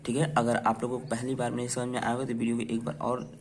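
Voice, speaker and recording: A man teaching English reading to beginners, spelling out words letter by letter, asking quick questions and answering them himself. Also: medium pitch, monotone. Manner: repetitive, checks in with "ठीक है" and quiz questions. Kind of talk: phonics lesson for beginners.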